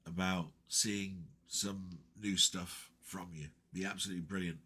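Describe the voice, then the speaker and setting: A man's voice: low voice, level tone, measured pace, bright, forceful tone, breathy edge. A middle-aged English man chatting casually and reading out viewer comments, meandering with frequent ums and restarts. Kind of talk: casual rambling chat.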